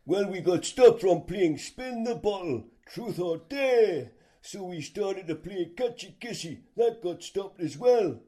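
A man's voice: high-pitched, lively intonation, slow pace, few pauses, warm tone. A man playing a cheeky man who teases his friend and tells a joking story about his first kiss.

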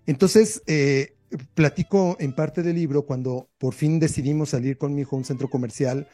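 A man's voice: a little high, steady tone, moderate pace, mellow, faint music behind. A man with a Mexican accent, a guest author telling stories in an earnest, reflective way during an interview. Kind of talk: interview conversation.

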